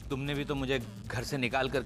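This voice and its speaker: An actor playing a mischievous older husband with a playful, teasing manner in a TV sitcom. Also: male voice, a little fast, soft background music, natural voice. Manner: playful, teasing, lively pitch swings. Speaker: husband Indravadan. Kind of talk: sitcom acting.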